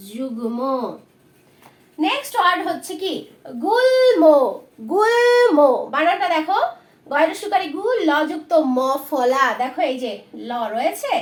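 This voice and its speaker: High-voiced woman teaching spelling. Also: reverberant. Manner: patient, repeats words slowly for learners. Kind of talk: spelling lesson at a board.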